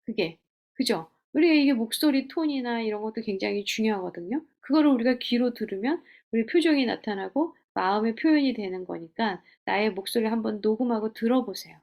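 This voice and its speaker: Gravelly-voiced woman teaching gently. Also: fairly high pitch, fairly quick, lo-fi sound. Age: middle-aged. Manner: gentle, coaching, asks rhetorical questions. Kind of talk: teaching lecture on communication.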